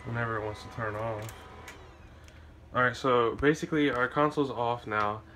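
A man's voice: mid-range voice, fairly even intonation, normal speed, bright, forceful tone, slight background noise. A man casually walking viewers through a how-to while recording himself on a phone, rambling with lots of ums and uhs. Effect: recorded on a handheld phone camera. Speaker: tutorial maker. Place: dark room at home with the console. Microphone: phone held while filming.

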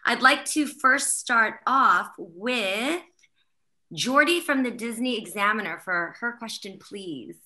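A woman's voice: on the high side, lively intonation, takes it slowly, sharp tone, poor audio. A woman moderating a press junket on a video call, upbeat and bubbly. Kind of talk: moderating a panel. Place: living room, video call.

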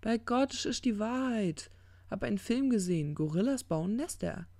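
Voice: medium pitch, a little slow, creaky, dark tone, dry recording, studio quality. A reader voicing a drunk, earnest male angel in an audiobook, who slurs and gropes for words. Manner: slurred, searching for words. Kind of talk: audiobook character reading.

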